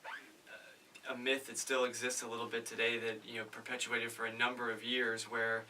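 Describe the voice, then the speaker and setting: A man speaking on a panel about stuttering, earnest and measured, with frequent fillers. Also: medium pitch, little pitch movement, bright, forceful tone, far from the mic, slight background noise, rough recording. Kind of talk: casual panel discussion.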